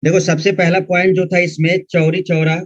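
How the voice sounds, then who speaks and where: A male history teacher lectures online with a fairly high voice, scolding his students in an informal, direct way. The recording is dry and close, with a dull, muffled tone. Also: flat delivery, moderate pace, no room sound.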